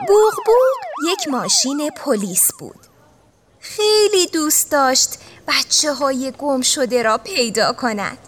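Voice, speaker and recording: A woman reads a children's story aloud in a high, animated voice. Her pitch swings widely as she brings scenes to life and slips into whispers for suspense. A faint hiss runs in the background.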